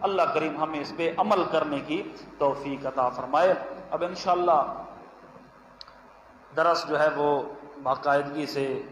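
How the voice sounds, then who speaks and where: A man with a Punjabi accent preaching a sermon, chanting Arabic verses slowly and then explaining them with emphatic repetition. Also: on the high side, a bit bright, a little hiss or hum. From Pakistan, Punjab. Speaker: religious scholar giving a weekly lesson. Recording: echoey hall with long reverb, faint ambience.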